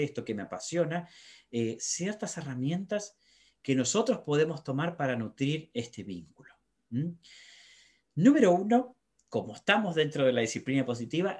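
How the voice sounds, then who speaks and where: A man, a psychologist, talking animatedly about parenting and filling his speech with tag questions. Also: mid-range voice. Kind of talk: conversational talk on parenting.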